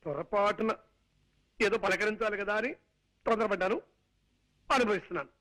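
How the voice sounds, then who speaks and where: A flustered comic suitor. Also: male voice, sits high, moderate pace, rough recording. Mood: comic, loud. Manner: exasperated, shouting to be heard, wordplay. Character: flustered comic suitor, a young man, wordy and put-upon. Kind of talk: film comedy scene.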